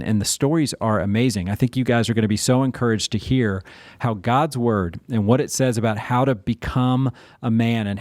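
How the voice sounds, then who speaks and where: A man's voice: mid-range voice, a little mellow, dry recording, clean studio sound. Friendly male podcast host. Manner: friendly, conversational, encouraging. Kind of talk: podcast interview.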